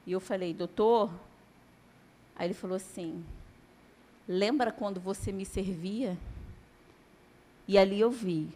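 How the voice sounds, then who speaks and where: A woman giving a church testimony as a sermon, telling her story dramatically and acting out the dialogue. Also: mid-range voice.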